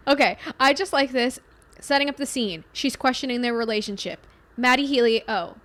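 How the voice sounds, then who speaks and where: A woman's voice: high voice, moderate pace. A young woman co-hosting a podcast in casual, chatty talk full of fillers. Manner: chatty, filler-heavy, lively. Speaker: podcast co-host. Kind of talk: casual chat.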